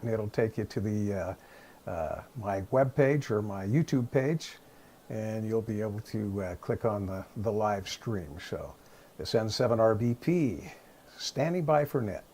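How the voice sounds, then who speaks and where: A man gives casual step-by-step instructions as a radio hobbyist. His voice is fairly low and his delivery halting, over a faint layer of noise. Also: darkish tone. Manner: halting, hesitant. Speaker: radio operator and live streamer.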